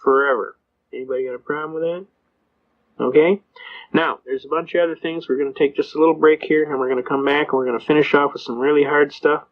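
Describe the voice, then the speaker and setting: Through a muffled recording comes a slightly high, level male voice at a quick pace. He's an older Vietnam veteran advising on citizens' rights, telling folksy, rambling stories, voicing the people he quotes, and peppering it all with "uh."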